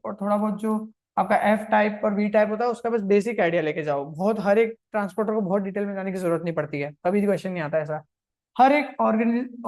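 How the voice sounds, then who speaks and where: A man's voice: sits high, a little mellow. Male coaching teacher, direct and reassuring, casual lecture delivery peppered with English terms. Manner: brisk, direct, mixes English terms into Hindi; talks straight to students, reassuring. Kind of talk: casual exam-prep lecture.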